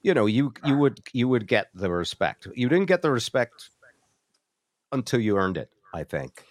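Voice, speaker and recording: A man's voice: mid-range voice, sing-song, moderate pace, no room sound. A middle-aged American man, a former radio host, casually reminiscing and acting out old exchanges as he tells the story. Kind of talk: casual reminiscing on a group call. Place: video call.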